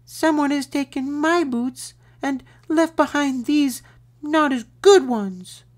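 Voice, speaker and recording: A man squeaking out a tiny baby bear girl. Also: slow. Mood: squeaky upset. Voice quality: high and squeaky. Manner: sputtering, wailing. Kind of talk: storybook read-aloud.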